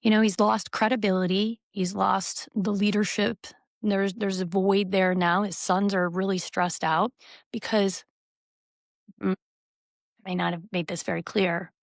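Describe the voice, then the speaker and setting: A woman co-hosting a podcast, telling reality TV stories in an animated, gossipy way. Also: medium pitch, measured pace, vocal fry, dry recording, studio quality. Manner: animated storytelling, recounting reality TV scenes. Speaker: podcast co-host. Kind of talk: casual podcast chat.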